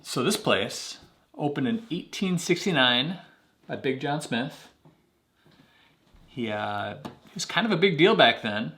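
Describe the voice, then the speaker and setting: Gravelly-voiced man hosting a whiskey tasting. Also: medium pitch, bright, forceful tone, slight background noise. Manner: explains history, dry jokes. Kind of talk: casual tasting chat.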